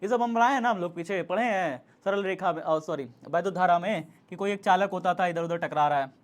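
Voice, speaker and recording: A man's voice: high voice, fairly quick. A man teaching a physics class, repeating each point and urging students to keep up. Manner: repetitive, coaxing, urging students to hurry. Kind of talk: classroom lecture.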